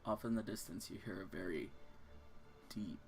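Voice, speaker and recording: A man narrating a tabletop game as game master, setting scenes slowly and descriptively. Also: fairly low pitch, faint music behind.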